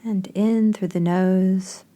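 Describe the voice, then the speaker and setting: A woman leads a guided meditation in a soft, breathy voice of medium pitch and steady tone. Her phrases are gentle, unhurried and spaced out.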